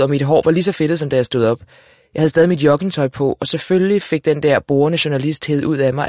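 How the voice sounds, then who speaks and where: A man's voice: a little high, a little mellow, no echo. Man reading a storybook aloud, dry sound. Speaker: audiobook narrator. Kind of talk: first-person storybook narration.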